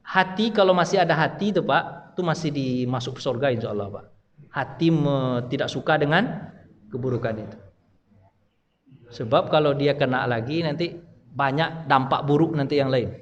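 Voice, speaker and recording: A man preaching a mosque study lecture in a loud voice, often addressing his listeners as "Pak". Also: medium pitch, moderate pace, highs cut off. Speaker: Islamic preacher and teacher. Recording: long mosque hall reverb.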